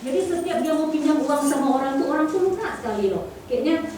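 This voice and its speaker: A middle-aged woman giving a sermon testimony, telling her story in a lively way and acting out the voices of the people in it. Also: high-pitched, quick pace, slight background noise. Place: church hall. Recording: echoey hall from far off.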